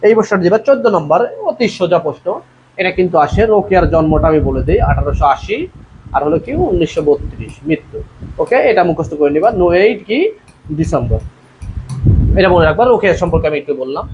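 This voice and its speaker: Man, high-pitched, coaching tutor, live quiz class, reads out viewer comments, dull lo-fi recording, faint background noise. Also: animated, fast, a little mellow. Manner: calls students "bhaiya", reads out viewers' comment answers. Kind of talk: live online exam question class.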